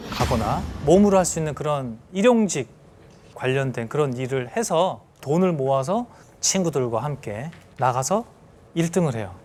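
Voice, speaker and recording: A man in his thirties giving a storytelling lecture to an audience, lively and acting out scenes with sound effects. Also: fairly high pitch, background noise. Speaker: celebrity lecturer.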